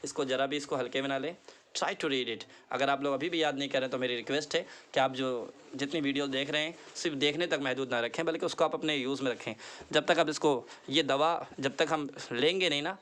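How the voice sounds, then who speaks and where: A man teaching an online lesson, mixing Hindi and English. He repeats each word slowly so the listener can echo it, and urges the listener earnestly to practise. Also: mid-range voice, steady tone, fairly bright tone. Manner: earnest, pleading tone.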